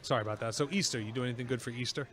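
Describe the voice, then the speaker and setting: A man's voice: medium pitch, very fast, a bit bright. A man co-hosting a casual podcast, asking questions and making sarcastic jokes. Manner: wisecracking, sarcastic. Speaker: podcast co-host. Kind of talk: casual chat.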